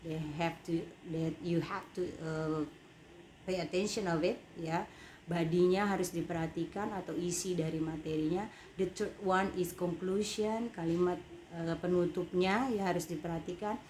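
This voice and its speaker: A woman's voice: on the low side, darkish tone, a little hiss or hum. A woman with an Indonesian accent teaching an English lesson. She explains step by step and repeats each point in two languages. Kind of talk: bilingual online lesson.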